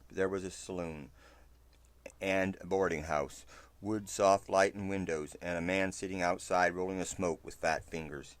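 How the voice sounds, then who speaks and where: A man reading a first-person western story aloud, in a steady, low narration. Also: normal speed, dry recording.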